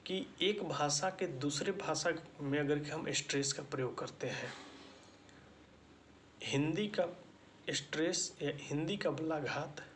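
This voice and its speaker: Male lecturer, slightly high voice, very slow and repetitive delivery, faint background noise. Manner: slow, deliberate explaining with repetition. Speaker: teacher-education lecturer. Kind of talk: spoken lecture.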